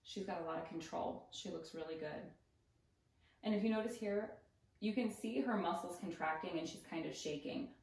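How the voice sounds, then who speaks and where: A woman yoga instructor giving casual, explanatory commentary with gentle cautions. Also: on the low side, moderate pace, creaky, echoey room, rough recording. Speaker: yoga instructor reacting to videos.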